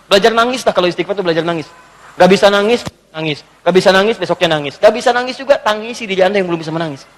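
A man preaching a sermon in a mosque hall. He questions his listeners and swings between emphatic urging and hushed lines. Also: sits high. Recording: long hall reverb.

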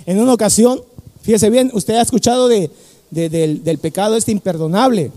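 A man's voice: high-pitched, normal speed, mellow, in a large hall. A man preaching a fervent sermon, repeating key phrases and calling the congregation 'brother'.

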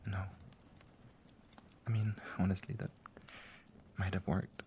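A man doing a doting male dragon, soft whispers, flat and unhurried, tender, low. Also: slight background noise. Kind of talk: ASMR roleplay.

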